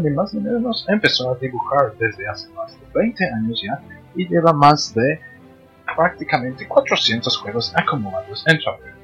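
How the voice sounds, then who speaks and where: A man's voice: a little high, fairly bright tone, muffled recording. A man co-hosting a podcast, presenting in a playfully wordy, mock-formal manner. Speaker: podcast co-host.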